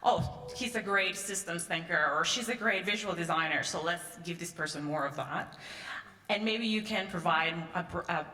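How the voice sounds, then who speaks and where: Here the Peruvian conference speaker, a middle-aged woman, uses a lowish, sharp-toned voice at normal speed. She addresses the large hall conversationally, frequently tagging on "um" and "right?" Long reverb fills the echoey recording.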